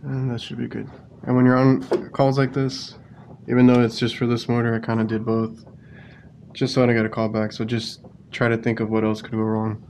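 Male refrigeration tech, plain-spoken and even, gravelly tone, head-cam audio with loud equipment noise. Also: mid-range voice, a little fast. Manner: relaxed, plain-spoken, explains as he works. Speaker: refrigeration technician. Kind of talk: casual on-the-job narration. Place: inside a walk-in cooler. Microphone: head-mounted action camera.

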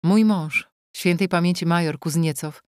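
A steely young widow in a storybook speaks curtly and calmly, her voice low and level, as a woman narrator gives her lines. The recording is close and dry. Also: normal speed, dry recording, lightly acted. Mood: composed. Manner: curt, hard, composed. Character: cool-headed young widow, tough and commanding. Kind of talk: audiobook character voice.

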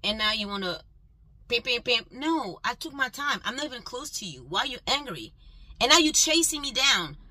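A woman's voice: fairly high pitch, sing-song, moderate pace, sharp tone, no echo, low-quality recording. A woman delivery van driver venting in an exasperated, emphatic rant while driving, with road noise behind her. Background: road and engine noise.

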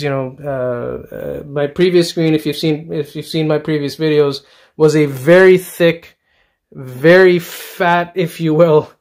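A man's voice: fairly high pitch, darkish tone. A middle-aged man giving a casual, enthusiastic walkthrough of his basement home theater, with lots of fillers and restarts, recorded on a handheld camera. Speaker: home theater hobbyist vlogger. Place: dark basement home theater room, indoors.

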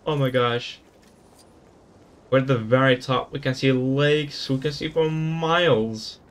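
A man's voice: medium pitch, fairly even intonation, unhurried. A man giving casual gameplay commentary, thinking aloud in an easygoing way as he explores a game. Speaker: gaming YouTuber.

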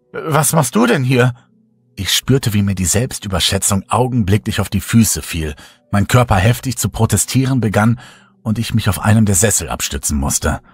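A man reading a horror story aloud as a narrator, in a slow, hushed and dramatic style. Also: lowish voice, husky, no echo. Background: faint music.

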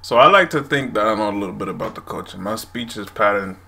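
His voice sits low with vocal fry and a sharp tone as this man in his twenties explains words casually to a camera. The language video is recorded noisily in a small room at home.

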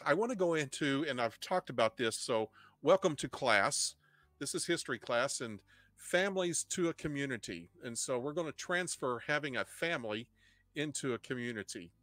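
A middle-aged man with an Ozark Missouri twang, explaining things haltingly like an informal history teacher, rephrasing as he goes. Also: mid-range voice, a bit bright, dry recording. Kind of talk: informal online history lecture. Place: indoor home studio. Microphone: desk microphone up close, headset on.

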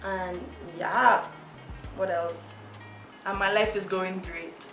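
Speaking slowly in a lowish, steady voice with a bit of brightness, a young beauty vlogger from Nigeria chats through her makeup tutorial, giggling and poking fun at herself. Faint music plays and the room gives a noticeable echo.

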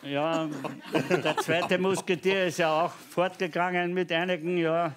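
A man's voice: sits high, flat delivery, unhurried, fairly bright tone. An Austrian man in his seventies or older, telling anecdotes casually as a talk show guest. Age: 70s or older. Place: TV studio with seated audience.

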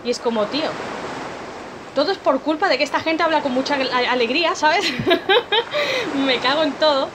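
Chatty young Spanish woman, high voice. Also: quick pace, noisy background. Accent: Spain Spanish. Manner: chatty, joking, swears casually. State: slightly hoarse from voice strain. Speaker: gamer. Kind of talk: let's play commentary. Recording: voice over game music.

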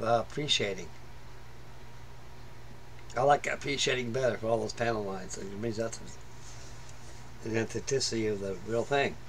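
In a mid-range voice with a fairly bright tone, a middle-aged man talks casually through a model build at his hobby-room workbench at home. His plain-spoken commentary rambles, with frequent fillers and restarts, against slight background noise.

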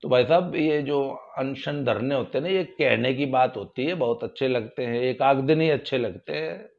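A man giving casual spoken commentary, folksy and sarcastic, getting loud when he stresses a point. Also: mid-range voice, normal speed, gravelly, dull audio. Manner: folksy, sarcastic, rises loudly for emphasis. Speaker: political commentator.

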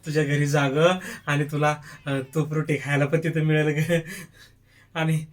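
A man's voice: fairly high pitch, flat delivery, moderate pace. Man, comic husband, pleading, giggly. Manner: giggly, pleading, keeps laughing while denying it. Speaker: husband in comedy skit. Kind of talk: comic sketch acting.

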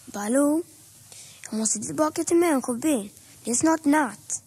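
An actor voicing an earnest young jungle boy in a dubbed audio drama, explaining things in a breathy voice. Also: extremely high pitch, lively intonation, a little mellow.

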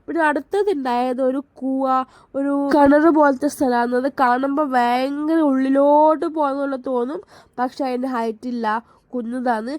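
A woman's voice: high voice, fairly even intonation, normal speed, darkish tone, dry recording. A Malayali woman from Kerala narrating her family outing in a chatty, enthusiastic voice-over, with frequent restarts. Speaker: family vlogger.

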